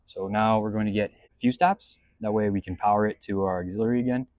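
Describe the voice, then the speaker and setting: A fast-talking man with a lowish, slightly mellow voice and fairly even intonation speaks in a dry recording. Hosting a vlog, he thinks aloud casually and with plenty of slang while doing a hands-on install in and around a pickup truck.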